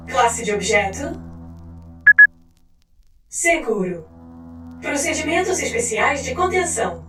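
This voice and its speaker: A high-pitched woman with a Brazilian accent reads a fictional scientific file in a formal, clinical scripted narration. The mic is somewhat distant, the room echoes noticeably, and faint music plays underneath.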